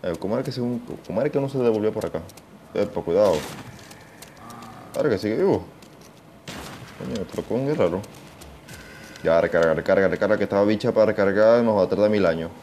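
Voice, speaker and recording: A young man giving casual gameplay commentary, excitable, swearing often and talking to himself. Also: fairly low pitch, quick pace, pauses often, slight background noise. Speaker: gaming channel host.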